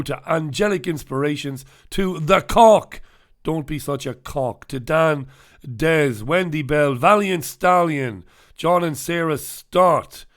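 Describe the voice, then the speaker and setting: A man with a head cold, hosting a casual live stream where he reviews the newspapers, with sardonic, jokey asides. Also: on the high side. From United Kingdom. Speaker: host.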